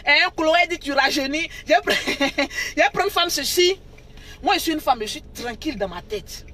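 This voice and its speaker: A woman rants at her audience during a live stream on her phone, in a high, bright, cutting voice. She scolds and mocks her viewers and hammers the same phrases again and again. A faint hiss of noise sits under her talk. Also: lively intonation, a little slow. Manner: scolding, mocking and repetitive. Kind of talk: unscripted live-stream rant.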